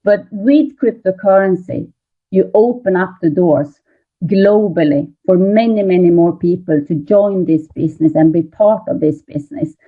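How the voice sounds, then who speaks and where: A woman giving a measured, explanatory business presentation and handing over to the next speaker. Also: lowish voice. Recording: tinny phone-like call audio.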